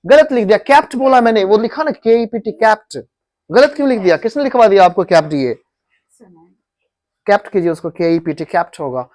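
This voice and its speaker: A man's voice: sits high, expressive, fairly quick, darkish tone. A man with an Indian accent teaching English grammar to a class, repeating words and drilling pronunciation in Hindi mixed with English. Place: coaching classroom.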